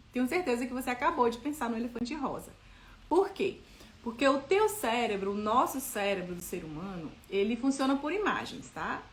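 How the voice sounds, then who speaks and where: A woman gives parenting advice straight to the listener, chatty and explanatory, checking in with little tag questions as she goes. Her voice sits on the higher side, and the room gives it a noticeable echo. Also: a bit bright. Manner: conversational, many tag questions. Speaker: parenting educator. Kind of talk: explaining parenting tips to camera.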